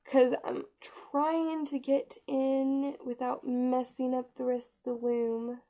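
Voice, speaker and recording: Slow, chatty higher-voiced woman. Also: little pitch movement, dark tone. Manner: chatty and halting, with many restarts and "like". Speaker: crafting tutorial host. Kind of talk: casual step-by-step craft tutorial.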